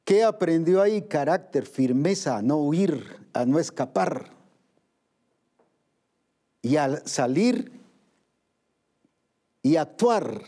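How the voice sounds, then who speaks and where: A man's voice: on the high side, lively intonation, slow pace, pauses often, mellow. A man preaching a sermon, asking questions and acting out the voices of worried believers.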